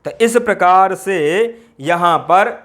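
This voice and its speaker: A man's voice: sits high, takes it slowly, a bit bright. A man teaching Sanskrit grammar in an exam-prep lecture, repeating key phrases and asking rhetorical questions.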